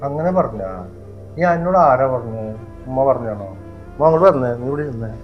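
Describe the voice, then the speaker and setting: A man playing a gentle father soothing his young son in an amateur family short film. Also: mid-range voice, expressive, a little fast, highs cut off, soft background music, close to an everyday voice. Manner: soothing, reassuring.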